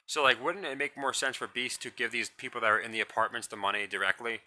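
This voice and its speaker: A commentary channel host rants alone, blunt and scornful, rambling and starting his sentences over. His voice is mid-range and he talks fast, and he calls his own voice monotonous.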